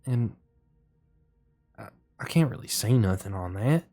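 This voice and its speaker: A man voicing a flirty, nervous wood elf courtesan woman who talks in a hushed, secretive way. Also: rumbling low, animated, measured pace, faint music behind, exaggerated voice. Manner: hushed, secretive, sometimes snappish.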